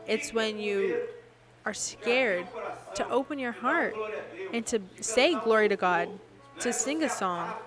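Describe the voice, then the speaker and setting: A woman giving an interpreted sermon in a preaching cadence, often putting questions to the congregation. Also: medium pitch.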